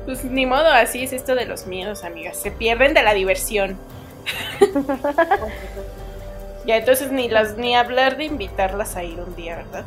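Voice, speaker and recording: A woman's voice: on the high side, moderate pace, long pauses, faint music behind. A Mexican woman co-hosting a casual chat, telling stories playfully and laughing often. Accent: Mexican Spanish.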